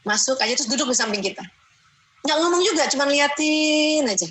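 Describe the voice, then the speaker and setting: A middle-aged woman with an Indonesian accent lectures on parenting in a religious talk, chatty and lively, often acting out what mothers say. Her voice is bright and somewhat high. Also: fairly quick, rough recording. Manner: chatty, acts out mothers' voices, frequent "ya" checks.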